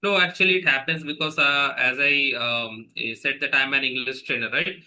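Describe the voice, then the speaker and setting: A man's voice: mid-range voice, fairly even intonation, moderate pace, bright, forceful tone, rough recording. A man with an Indian accent, an English trainer chatting on a podcast and explaining with examples and frequent "right?" tags. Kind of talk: casual podcast conversation.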